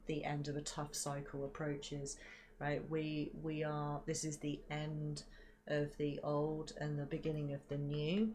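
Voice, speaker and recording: A woman giving a spiritual card reading in a slow, soft, reflective way, with frequent ums and repeated words, into a desk microphone at home. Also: low voice, monotone. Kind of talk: livestreamed tarot reading.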